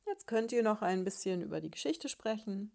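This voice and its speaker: A woman reading a children's story aloud in a calm, gentle, soft-spoken way, speaking to young listeners. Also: mid-range voice, a little fast, creaky.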